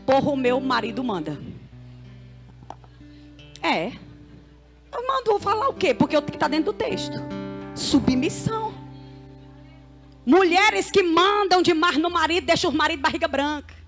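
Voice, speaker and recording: A woman preacher, loud and emphatic, delivering a sermon that builds to shouted exhortation. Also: very high-pitched, expressive, moderate pace, pauses often, soft background music. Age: adult, mother of boys. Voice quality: loud, self-described noisy voice.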